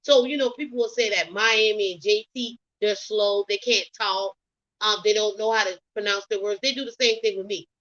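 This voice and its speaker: Speaking at normal speed in a medium-pitched, slightly bright voice with fairly even intonation, a Geechee-accented woman from the US South offers rambling, opinionated celebrity gossip. It's a casual commentary vlog, heavy on um and you know. The audio is dull.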